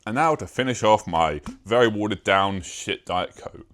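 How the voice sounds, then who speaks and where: A young British YouTuber rambles casually to the camera in a vlog, mocking himself and swearing offhandedly. His voice is on the low side and a bit bright, at a normal speed.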